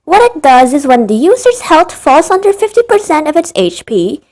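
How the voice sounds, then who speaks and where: A woman's voice: high voice, big pitch swings, moderate pace, darkish tone. A woman narrating a ranking of game creatures, with wry, rambling asides in a voice she herself calls tired and dead. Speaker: gaming video narrator. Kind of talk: scripted game ranking commentary.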